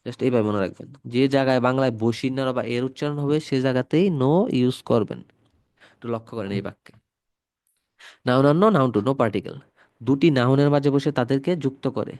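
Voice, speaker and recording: A man's voice: medium pitch, a little fast, a little mellow, no room sound, clean studio sound. A man from Bangladesh with a cold, teaching a grammar lesson and patiently repeating each example step by step. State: has a cold. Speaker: Japanese language teacher. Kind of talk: grammar lesson explaining slides.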